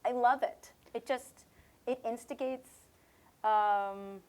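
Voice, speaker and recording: Speaking slowly in a fairly high, somewhat mellow voice with fairly even intonation, this West Coast Canadian musician answers interview questions. Her replies are relaxed and conversational, thoughtful yet chatty, full of fillers.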